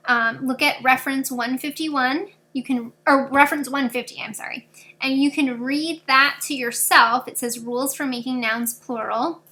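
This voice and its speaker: Bright, high-voiced teacher explaining a lesson. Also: female voice, fairly even intonation, normal speed. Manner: patient, explains step by step with examples. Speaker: fourth grade teacher. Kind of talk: recorded video lesson.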